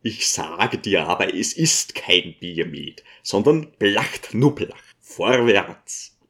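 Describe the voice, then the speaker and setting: A brusque, scheming man, as the reader puts him on, insisting and brushing others off. His delivery rises and falls in lively swings. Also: low voice, takes it slowly, voice pushed down, exaggerated voice. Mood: insistent. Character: pushy scheming male guest, brusque.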